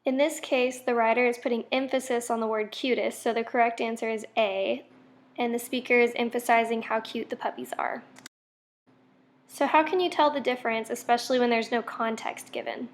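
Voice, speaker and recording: A young woman teacher walks through a grammar lesson. Her voice sits a little high, and she reads each quiz item out and then explains the answer in a clear, methodical way. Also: steady tone, fairly quick.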